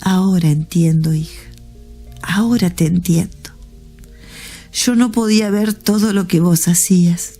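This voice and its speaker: A gentle, apologetic father, as a woman puts him on, speaking low and tenderly. His words often drop to a breathy whisper, the tone kept mellow and soft. Faint music plays beneath. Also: measured pace, pauses often. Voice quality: hushed, partly whispered.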